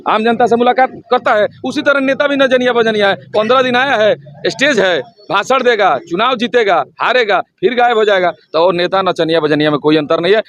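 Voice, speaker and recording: Fiery high-voiced campaigner. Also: male voice, fairly quick, few pauses. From Siwan district, Bihar, India. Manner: forceful, rhetorical, repeats his slogans. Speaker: local election candidate. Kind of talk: impassioned campaign interview.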